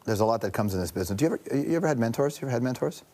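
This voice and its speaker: A man's voice: medium pitch, expressive, very fast, dark tone. A man from Canada hosting a talk show, joking and quizzing his guest.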